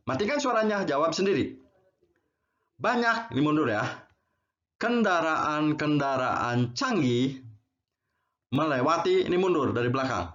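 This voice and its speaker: A man's voice: on the high side, animated, measured pace, pauses often, fairly bright tone, highs cut off. A man teaching an English vocabulary lesson. He reads word pairs, drills them and explains in a patient, chatty way. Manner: repeats words and explains, adds "ya" to phrases.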